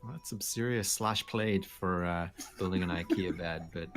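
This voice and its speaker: A man's voice: deep voice, normal speed, a bit bright, soft background music. A man hosting a casual gaming live stream, playfully teasing his co-hosts and hyping up announcements. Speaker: podcast host.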